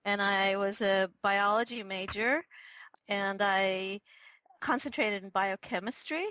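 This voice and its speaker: A middle-aged woman from Israel speaks as an interview guest, thinking aloud with frequent ums and self-corrections. Her voice sits at an ordinary middle pitch. The sound is close and dry, with no room around it. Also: slow, pushed and bright, no echo, rough recording. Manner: thoughtful, lots of ums and restarts. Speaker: guest, neurobiology professor. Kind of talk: interview answers.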